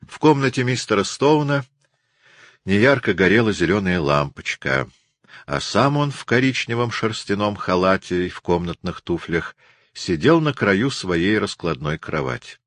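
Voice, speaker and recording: A man narrating a novel as an audiobook, measured and expressive. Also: on the low side, dry recording, studio quality.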